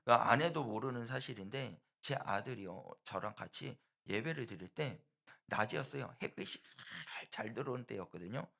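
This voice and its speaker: A middle-aged man from South Korea preaching a sermon as pastor, earnest, slowing and swelling loud on key phrases. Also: medium pitch, lively intonation, gravelly.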